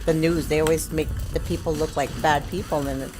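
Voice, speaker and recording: A woman's voice: low voice, fairly even intonation, a little fast, background noise. A woman game streamer chatting casually on a livestream.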